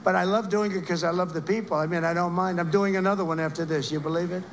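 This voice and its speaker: A man's voice: high voice, fairly even intonation, fast talker, background noise. Rambling male rally speaker. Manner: rambling, repetitive praise. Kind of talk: rally speech.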